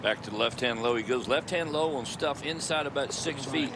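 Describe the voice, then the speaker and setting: A man's voice: medium pitch, a little fast. A man giving conversational, informal and opinionated golf analysis during live coverage. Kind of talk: conversational sports commentary. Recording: noisy outdoor ambience.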